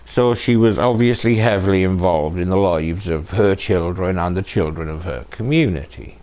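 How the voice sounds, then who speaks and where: A middle-aged true crime host narrates from a script one phrase at a time, adding playful asides as he sits on his living room sofa. He speaks in a low, slightly mellow voice at a moderate pace.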